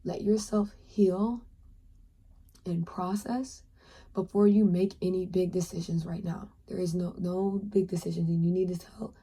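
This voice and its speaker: Earnest husky-voiced woman reading tarot. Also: on the low side, steady tone, unhurried, warm tone. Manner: earnest, encouraging, talks straight to the viewer. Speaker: tarot reader. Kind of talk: pick-a-card tarot reading.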